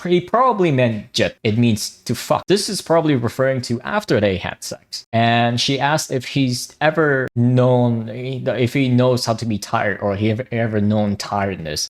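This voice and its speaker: This gaming commentary YouTuber is a young man from Vietnam who speaks Vietnamese natively, in a medium pitch. His take on online drama is blunt and casual, full of free swearing and restarted sentences.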